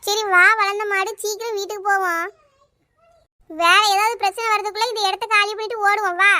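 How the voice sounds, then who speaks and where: A sharp-tongued cartoon sidekick with a Kanyakumari Tamil accent scolds in quick, exasperated bursts, as a woman voices the part. The voice is very high and bright, and it sounds close and dry. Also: steady tone, no echo. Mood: scolding.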